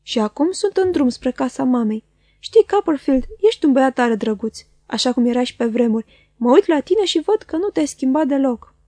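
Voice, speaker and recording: A woman voicing a self-assured young gentleman student who talks with easy, teasing condescension. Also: sits high, lively intonation, no echo. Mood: cheerful, breezy.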